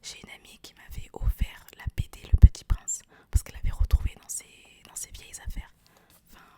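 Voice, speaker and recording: A young adult woman doing ASMR book talk in a hushed, breathy library whisper with no voice behind it. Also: brisk. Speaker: host of a book recommendation video. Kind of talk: whispered ASMR talk about favourite books, with some reading aloud.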